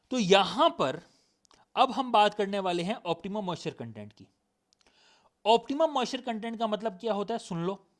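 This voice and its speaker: A man giving a recorded lecture with a sore throat, checking with students through repeated questions and reading definitions aloud slowly. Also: high-pitched, animated. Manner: drills points with repeated questions. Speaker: teacher.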